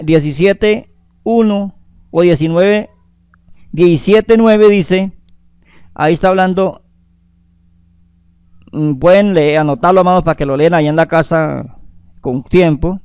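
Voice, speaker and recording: Smooth-voiced preacher, man. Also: fairly high pitch, darkish tone, no echo, studio quality. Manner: addresses the congregation as beloved, interjects hallelujah often; cites scripture chapter and verse at length. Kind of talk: sermon on the weekly Torah portion.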